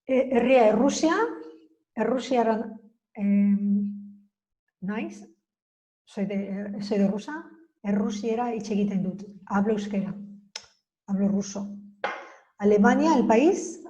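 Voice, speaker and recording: A woman teaching a beginner Basque lesson in Spanish, slowly spelling out and repeating example phrases. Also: medium pitch, mellow, lo-fi sound. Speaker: language teacher.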